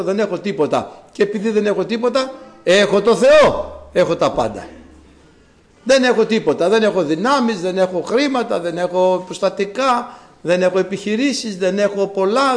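A man preaching a sermon and reading scripture, repeating phrases with emphasis and breaking into sudden high exclamations.

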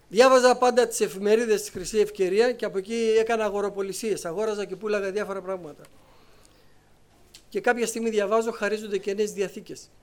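A middle-aged man giving a personal testimony to his congregation as a lively storyteller who acts out the conversations he recounts. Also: high voice. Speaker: church member giving testimony.

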